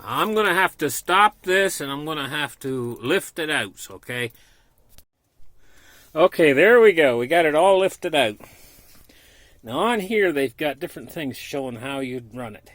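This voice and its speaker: A man's voice: on the high side, lively intonation, measured pace, a bit bright, no echo. A man giving a casual, unscripted product walkthrough from inside a small camper trailer, talking in a folksy way and often restating his points. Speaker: vlogger presenting a product unboxing.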